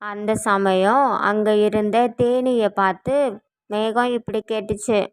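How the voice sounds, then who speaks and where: A woman's voice: mid-range voice, slow, clean tone. Woman narrating a children's story. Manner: steady, storytelling.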